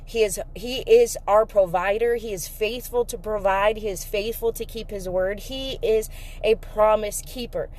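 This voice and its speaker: A woman telling an emotional faith story in a casual vlog, emphatic and excitable, breaking into laughter. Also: mid-range voice, unhurried. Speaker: faith vlogger.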